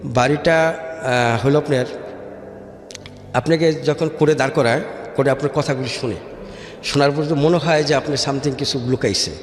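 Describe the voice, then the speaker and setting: With a steady, medium-pitched voice at normal speed, punctuated by long pauses, a man with a Bangladeshi accent narrates his life in a radio interview. He uses occasional English words and checks that the listener follows, recorded in a reverberant room over background music.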